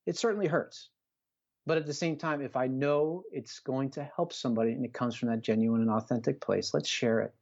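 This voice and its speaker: His intonation stays fairly even as this middle-aged man talks fairly quickly in a mid-range, slightly mellow voice over dull audio. He's a podcast guest and coach whose motivational delivery is earnest, emphatic and conversational, with rhetorical questions and repeated phrases.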